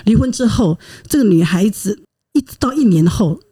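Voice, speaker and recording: A woman's voice: mid-range voice, moderate pace, husky. A middle-aged woman, recounting a personal story to a relative in casual chat, rambling and restarting as she goes. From Taiwan. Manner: rambling, animated retelling with restarts. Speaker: guest, host's aunt.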